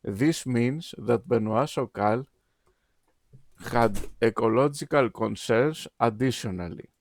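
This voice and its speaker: A man whose first language is Greek reads his own written game review aloud. His medium-pitched voice is slow, deliberate and emphatic, with many pauses.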